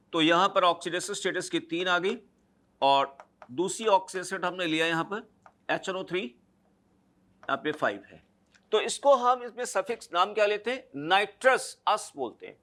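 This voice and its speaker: A man's voice: high-pitched, bright, forceful tone. A man teaching a chemistry lecture, explaining step by step and checking understanding with short tag questions. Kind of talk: classroom lecture.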